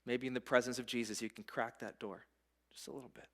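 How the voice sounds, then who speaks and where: A man giving a casual, conversational sermon as a pastor in a church, his delivery swinging from hushed to urgent. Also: medium pitch, fairly even intonation, fast talker.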